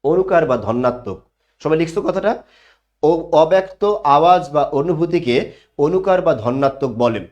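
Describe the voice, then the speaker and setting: A man's voice: a little high, animated, moderate pace, a little mellow, dull audio. Man teaching a class. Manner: explanatory, asks questions and answers them himself. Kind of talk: online class lecture.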